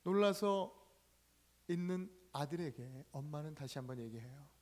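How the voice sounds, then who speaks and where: A male pastor preaching a sermon, telling stories emphatically with sharp swings in loudness. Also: a little high, lively intonation, moderate pace.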